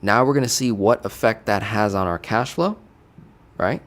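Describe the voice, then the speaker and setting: This finance educator's voice is on the low side and a bit bright, moving at a normal speed as he casually explains startup costs. Recorded on a studio desk mic, he stays playful and chatty, always checking in with "right?".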